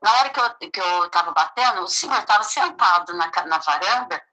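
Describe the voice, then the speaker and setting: A woman's voice: lowish voice, expressive, fairly quick, pushed and bright, faint music behind, poor audio. A middle-aged Brazilian woman, a gospel singer, telling a story in a casual interview, laughing often and acting out the voices she quotes. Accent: Brazilian Portuguese. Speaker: gospel singer and songwriter, guest.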